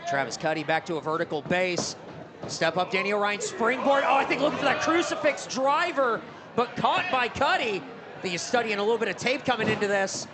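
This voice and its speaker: Excitable male wrestling commentator, very high voice. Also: fairly quick. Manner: excitable, exclamatory. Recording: very noisy, loud crowd. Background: loud crowd.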